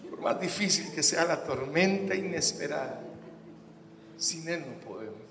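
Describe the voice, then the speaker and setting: Pastor preaching in an echoey hall. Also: male voice, a little high, measured pace, background noise. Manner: animated preaching, swinging from loud bursts to hushed asides. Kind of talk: sermon. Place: church hall. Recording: echoey church hall with faint music.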